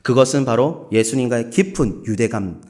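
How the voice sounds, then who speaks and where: A man's voice: medium pitch, moderate pace. A male pastor with a Gyeongsang accent, preaching a sermon in a playful way and acting out short quotes. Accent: Gyeongsang Korean. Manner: playful, with lively acted quotes.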